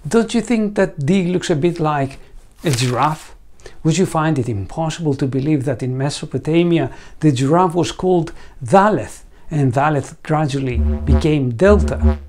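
In a green-screen studio, a man in his forties from Greece, a veterinarian and site founder, delivers a scripted lecture through a lapel mic. He speaks with a Greek accent at a moderate pace, his fairly high voice a little mellow, telling it earnestly as a story and asking the viewer questions.

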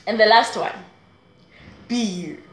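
Speaking slowly in a mid-range, fairly bright voice, a woman in her twenties gives casual, rambling advice directly to camera. She laughs a lot, and her small indoor room sounds echoey.

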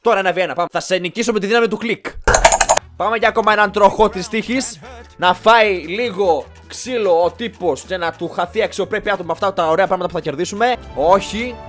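Young guy yelling and joking over a mobile game, pretty high voice, game music behind. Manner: excitable, jokey, shouts during fights. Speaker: gaming YouTuber. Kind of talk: gameplay commentary.

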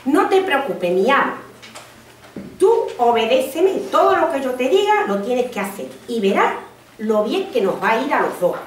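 A woman voicing a clever, bold talking male cat in a read-aloud story, coaxing and deliberate. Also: on the high side, big pitch swings, a little hiss or hum. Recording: echoey room, mic far off.

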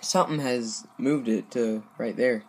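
Speaking at a measured pace in a medium pitch, a young man chats with his audience about his aquarium from his home, right by the tank. He wanders off track with many fillers and asides, his voice a touch loose.

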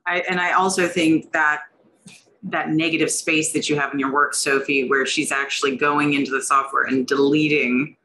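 Bright, low-voiced woman chatting. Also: steady tone, moderate pace, slight background noise, rough recording. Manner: chatty, rambling, lots of fillers. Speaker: artist. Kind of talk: casual conversation.

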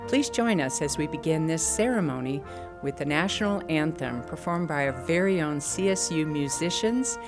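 A woman with a low, deep voice delivers a measured, formal ceremony address as a university provost. She speaks at a steady, deliberate pace from an indoor stage, with music playing behind her words.

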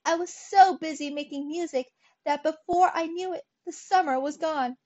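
Woman doing a whiny hungry grasshopper, pitched up, muffled recording. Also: normal speed, darkish tone, natural voice. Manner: whining. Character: starving humble male grasshopper fiddler. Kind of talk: storybook reading. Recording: dull lo-fi recording.

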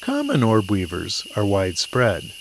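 A man's voice: on the low side, huge pitch swings, unhurried, slight background noise, poor audio. A man narrating a scripted nature documentary with an informal, wryly playful manner.

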